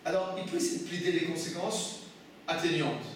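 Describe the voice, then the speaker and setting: A man's voice: a little high, animated, fairly quick. A man teaching a Torah class to students, asking them emphatic rhetorical questions. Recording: echoey room, from far off, faint noise.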